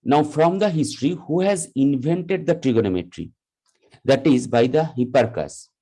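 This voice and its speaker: A man teaching a live class, explaining slowly and deliberately, often repeating himself. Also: mid-range voice, expressive, warm tone, breathy edge, low-quality recording. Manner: slow, deliberate explaining with repetition. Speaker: lecturer.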